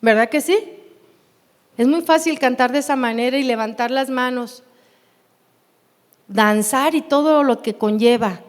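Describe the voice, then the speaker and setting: A woman with a Mexican Spanish accent leads a Bible class in a church hall, her voice carrying a long reverb. She speaks slowly and stays high in pitch, often pausing to ask her listeners questions. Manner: unhurried, asks the class questions.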